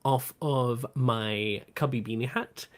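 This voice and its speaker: A co-host and convention artist, gushing fondly and telling stories in casual podcast chat. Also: medium pitch. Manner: slow, warm-hearted, gushing storyteller.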